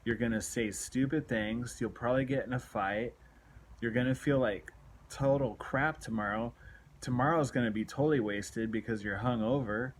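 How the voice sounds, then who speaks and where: A man in his late forties, a self-help video blogger, speaks candidly to a phone held at arm's length in a small room at home. His mid-range voice moves at a moderate pace, earnest, exhorting and confessional, and he often repeats points for emphasis. There's a little hiss or hum on the recording.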